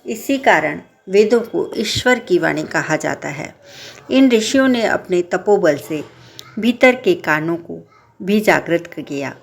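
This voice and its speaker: Calm, unhurried old sage teaching his wife, read by a woman storyteller, storybook narration. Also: medium pitch.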